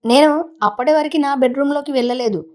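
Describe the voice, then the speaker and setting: A woman narrating a first-person story in a conversational, unhurried way, with small restarts. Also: high-pitched.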